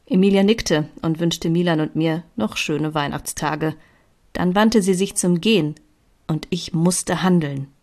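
A woman reading a romance story aloud in an expressive first-person narration. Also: fairly low pitch, measured pace. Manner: expressive, voicing characters. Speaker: audiobook reader.

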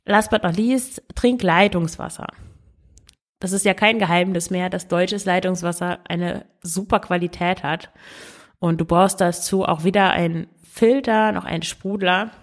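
A woman with a lowish voice, fairly even intonation and a measured pace hosts a casual podcast on frugal, money-saving living. She has a cold as she chats directly with her listener in a friendly way.

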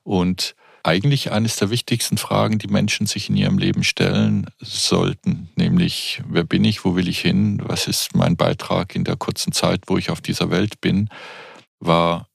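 A man's voice: deep voice, gravelly, husky, dry recording, clean studio sound. A man in his fifties hosting a podcast, talking reflectively and often searching for words with fillers. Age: 50s. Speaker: podcast host. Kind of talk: reflective conversation.

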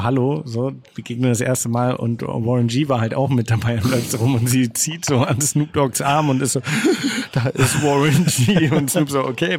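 Male guest in his thirties, easygoing storyteller, middle pitch, casual chat. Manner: relaxed, rambling, laid-back anecdotes. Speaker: guest, photographer.

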